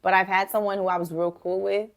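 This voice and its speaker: A young woman with a Southern US accent, co-hosting a podcast in animated casual chat and laughing often. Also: medium pitch, quick pace. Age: young adult. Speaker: podcast co-host.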